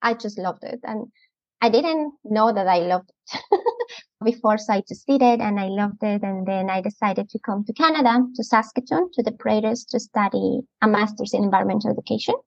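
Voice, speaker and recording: Chatty Ecuadorian woman with a gravelly voice. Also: medium pitch, moderate pace, no room sound. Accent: Latin American Spanish. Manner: enthusiastic, chatty, laughs often. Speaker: outdoor preschool educator, guest. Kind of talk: casual interview chat. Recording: muffled lo-fi podcast audio.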